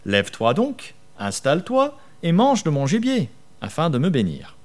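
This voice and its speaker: A scheming young son speaks eagerly to his old father, read out by a male preacher. The voice sits a little higher than the preacher's own and moves lively in pitch. This is a reading, not a full character voice. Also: normal speed. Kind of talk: scripture reading.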